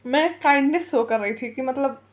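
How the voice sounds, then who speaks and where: A woman's voice: high voice, moderate pace. A young woman vlogger telling a heated personal story in a casual, rambling way, mixing English phrases into her talk and laughing often. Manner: chatty, rambling, mixes English into Hindi.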